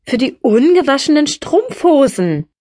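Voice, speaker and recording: A woman's voice: high-pitched, very animated, a little slow, darkish tone, no room sound, clean studio sound, pitched above the performer's own voice. A woman voicing a curious young woman who is short on money and asks many questions. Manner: inquisitive, surprised questions.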